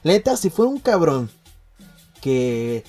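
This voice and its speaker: A young man with a Mexican accent casually telling a school story on a podcast, full of slang, swearing, jokes and halting restarts. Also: on the high side, sing-song, mellow, slightly rough, soft background music. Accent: Mexican Spanish.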